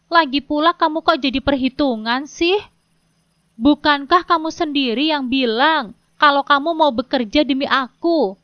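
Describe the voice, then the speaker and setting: A woman's voice: high-pitched, normal speed, no echo, natural voice. A woman voicing a defensive husband in a wheelchair, questioning his wife in a storybook drama. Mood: reproachful. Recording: dull lo-fi dry sound.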